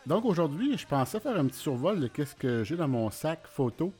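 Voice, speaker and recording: A man's voice: medium pitch, animated, warm tone, husky, soft background music. A man with a Quebec French accent hosting a casual solo podcast, hesitant and informal, speaking while recovering from wisdom teeth surgery. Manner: hesitant, informal, pausing often to search for words. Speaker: podcast host.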